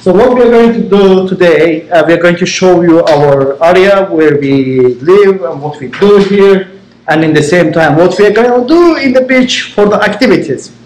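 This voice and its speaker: A young man with a high, lively voice hosts a casual vlog tour, letting out whoops and laughs as he goes. He talks slowly, and his action camera sound is roomy with faint background noise. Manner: enthusiastic, frequent whoops and laughs. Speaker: vlog host and exchange participant. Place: guesthouse rooms and terraces, indoors and out. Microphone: action camera held at arm's length.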